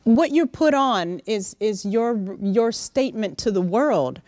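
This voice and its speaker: A middle-aged woman giving a lively, direct motivational talk to young interns in a large conference room, speaking into a handheld microphone. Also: mid-range voice, slow, no echo. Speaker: workshop speaker. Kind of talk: motivational professional-development talk.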